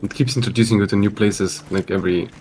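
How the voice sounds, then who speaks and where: A man's voice: lowish voice, fairly even intonation, fast. A man chatting casually while playing a video game, blunt and grumbling about bugs. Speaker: gamer. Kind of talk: casual gaming chat. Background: game music.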